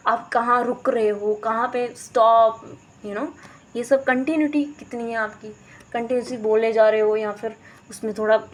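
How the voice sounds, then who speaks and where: A woman's voice: on the high side, low-quality recording. A woman teacher explaining teaching methods, mixing in English terms and demonstrating pronunciations. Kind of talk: explaining a teaching course in Hindi.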